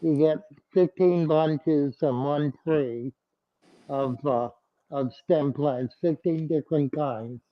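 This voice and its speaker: A man with a slightly higher voice speaks slowly and calmly, giving plain advice to a caller. His clip-on mic sounds muffled and dull, as if only the low end gets through. The talk is relaxed and live. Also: no echo. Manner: slow, plain, reassuring advice. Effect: muffled, bass-heavy sound from a clip-on mic. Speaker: host of an aquarium livestream. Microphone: clip-on lapel mic.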